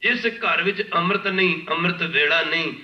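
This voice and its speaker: A man from India preaching a sermon with storytelling, impassioned and repeating his phrases, often pausing to beg the congregation's pardon. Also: a little high. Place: large worship hall. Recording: echoey hall, distant mic, dull lo-fi.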